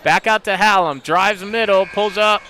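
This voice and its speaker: A man calling a high school basketball game live for radio, in a high, bright voice. He runs quickly through each play and chats with his co-hosts between them. Faint gym noise sits behind him. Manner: rapid play-by-play, chatty with co-hosts. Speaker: play-by-play announcer.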